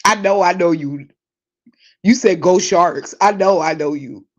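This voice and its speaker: A woman in her forties with a Brooklyn New York accent, hosting a podcast in casual chat, animated, laughing often and digressing. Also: on the low side, unhurried, lo-fi sound. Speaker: podcast host. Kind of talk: casual chat reading listener comments.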